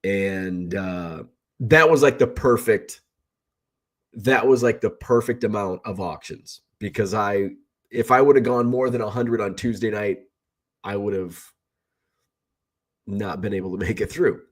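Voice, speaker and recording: A middle-aged man talks fairly low and a little slowly, leaving long pauses, his voice slightly rough from a cold. He sells baseball cards and live streams, and in this casual vlog he rambles chattily and keeps correcting himself.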